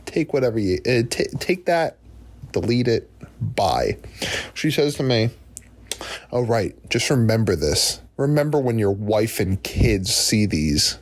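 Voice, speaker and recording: His voice is on the low side and unhurried as this New Jersey podcast host in his twenties delivers comedic storytelling, acting out each person's lines with animation.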